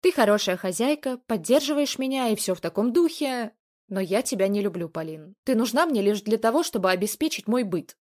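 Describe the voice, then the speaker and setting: A woman's voice: medium pitch, animated, fairly quick, darkish tone, lightly acted. A woman reading as a smug, cheating young man. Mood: cold. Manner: cold, mocking. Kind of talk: storybook reading.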